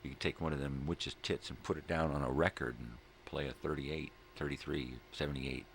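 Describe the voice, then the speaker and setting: The host of a daily morning vlog, a middle-aged man, talks briskly in a rambling, casual way, with a relaxed stoner drawl and frequent repetition. His extremely low voice has vocal fry and fairly even intonation. Background noise is noticeable.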